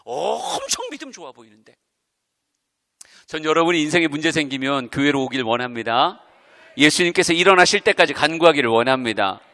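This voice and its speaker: A middle-aged male pastor giving a lively revival sermon, acting out quotes and talking straight to the congregation. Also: fairly high pitch, fairly quick. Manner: animated, acts out quotes, chats with the congregation. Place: church sanctuary. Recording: long church hall reverb.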